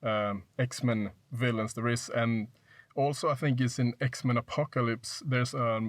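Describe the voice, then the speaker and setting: A man's voice: medium pitch, measured pace, no echo. Man reviewing films in a dry car. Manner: relaxed, hedging with fillers, leads the discussion. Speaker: podcast film critic. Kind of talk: casual film review chat. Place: inside a parked car.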